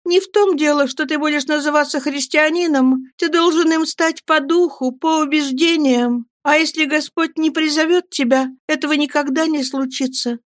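A woman doing a high, pleading young woman. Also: fairly even intonation, moderate pace, few pauses, dry recording, studio quality, natural voice. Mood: earnest. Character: young devout woman, distressed and desperate.

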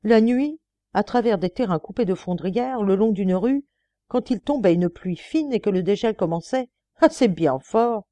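A woman's voice: medium pitch, lively intonation, normal speed, dark tone, dry recording, close to an everyday voice. A woman reading the part of a defiant, ironic male murder suspect under questioning. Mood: scornful. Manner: mocking, then indignant pleading.

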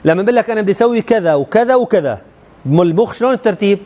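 A man whose voice sits high speaks in a rapid-fire, animated way as he walks students through a creed text. His tone is colloquial, with a steady stream of rhetorical questions. The recording has its highs cut off.

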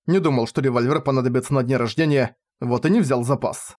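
A level, measured voice for a composed young man, read by a male narrator in his own register. He speaks quietly and reasons things out. The delivery is steady audiobook reading. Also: medium pitch, natural voice. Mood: calm. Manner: calm, measured. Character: calm, thoughtful young man, nineteen.

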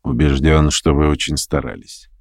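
A detached young aristocrat who answers in a low, slow, cold voice, voiced by a male reader. His words are clipped and unhurried. The audiobook sound is dry and close. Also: no room sound. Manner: slow, flat, cool and curt. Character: cold, aloof young nobleman, calm and reserved. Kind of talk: audiobook character voice.

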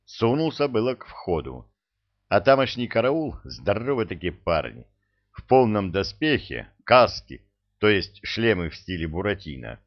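A man narrating a first-person story as an audiobook, in a sardonic, colloquial and expressive manner. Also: fairly low pitch, measured pace, dull audio.

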